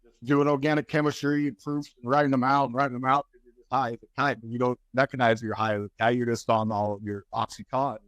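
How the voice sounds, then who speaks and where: Dull, dry audio captures a mid-range male voice belonging to a guest author and speaker in his forties, talking candidly in an interview. He frequently halts and starts over, but tells stories with animation.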